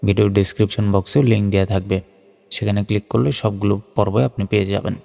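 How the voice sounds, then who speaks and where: A man's voice: lowish voice, little pitch movement, fast talker, vocal fry, warm tone. A man teaching Quran reading, spelling each letter and vowel in turn and then chanting the whole word in a melodic recitation. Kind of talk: slow spelling-out recitation lesson. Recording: reverberant with faint background music.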